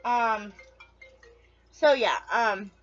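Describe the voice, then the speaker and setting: A woman vlogger talks casually to her viewers in a slightly high voice. She rambles, backtracks and loses her train of thought as she tells her story. The audio is dull and lo-fi, like a home video. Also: extremely slow, soft background music. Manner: chatty, addresses viewers directly.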